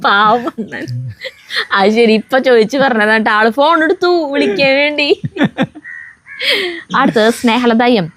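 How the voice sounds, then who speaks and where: A woman's voice: a little high, measured pace, long pauses, a bit bright, slight background noise. A woman reading viewer comments aloud in a casual family vlog, laughing between them.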